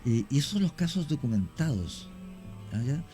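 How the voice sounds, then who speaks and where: On a radio conversation with faint music behind, a Chilean man with a warm, somewhat high voice and big pitch swings recounts eerie cemetery tales as a guest storyteller. He's unhurried and anecdotal, with many fillers and restarts.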